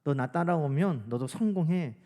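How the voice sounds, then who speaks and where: A pastor voicing a quiet, gentle teacher. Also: male voice, a little high, expressive, moderate pace, lightly acted. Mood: gently warning. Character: calm, gentle male teacher speaking to disciples.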